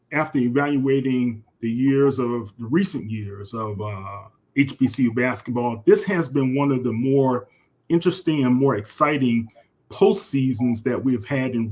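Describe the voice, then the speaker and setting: Husky-voiced man hosting, lo-fi sound. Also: medium pitch. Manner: conversational, asks long questions. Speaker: host. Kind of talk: casual interview.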